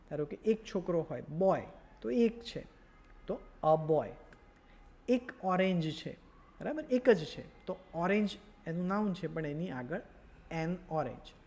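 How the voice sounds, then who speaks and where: A man's voice: a little high, a little mellow. A man with a Gujarati accent teaching a beginner grammar lesson, patiently repeating words and checking understanding. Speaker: English teacher.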